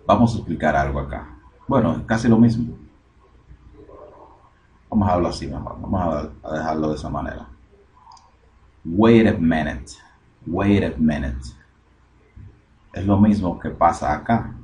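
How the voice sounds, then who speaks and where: A man's voice: low-pitched, a little mellow. A man teaching English in a recorded lesson, explaining step by step and repeating phrases. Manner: slow, repetitive, explaining step by step.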